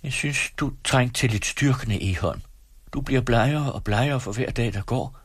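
A man raising his voice as a worn-out poor mother who pleads with her husband through tears. The voice is lifted well above his own and stays husky, with a dry, close sound. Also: medium pitch, no room sound, voice pushed up. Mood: pleading. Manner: pleading, tearful.

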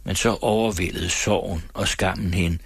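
Man, audiobook narration, measured, husky voice, dry close sound. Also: sits low, steady tone, a bit bright, no echo. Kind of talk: reading a novel aloud.

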